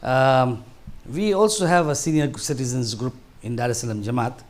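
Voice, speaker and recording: A mid-range male voice at normal speed belongs to a Tanzanian man in his sixties. He gives a conversational talk as a guest speaker for a seniors group in a large hall, wandering and restarting his sentences.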